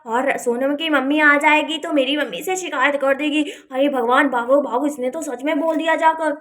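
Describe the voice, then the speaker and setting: A woman's voice: sits high, fairly even intonation, normal speed, a bit bright, voice pushed down. A woman voicing a cheeky young boy who taunts and boasts in a doll story. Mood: panicky. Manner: teasing, boastful.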